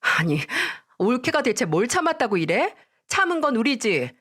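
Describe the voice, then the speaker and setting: A spiteful young sister-in-law who snaps back sharply, her voice raised and lively, as a woman puts her on. It is a dramatized story read aloud. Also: on the high side, moderate pace, pitched above the performer's own voice. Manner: sharp, snapping.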